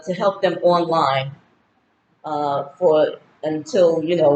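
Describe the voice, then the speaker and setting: Speaking to her viewers from home in Ghana, this chatty vlogger in her sixties delivers a loose birthday monologue, listing her goals amid many fillers. She has a low voice, and the lo-fi recording carries slight background noise along with a roomy echo and faint ambience.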